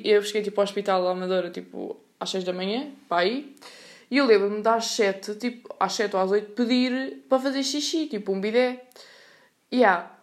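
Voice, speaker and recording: A young woman with a European Portuguese accent hosts her own podcast, telling a personal story in a relaxed monologue. She talks fast and loose, full of slang and asides, and keeps breaking into laughter. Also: a little high. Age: young adult. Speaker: podcast host.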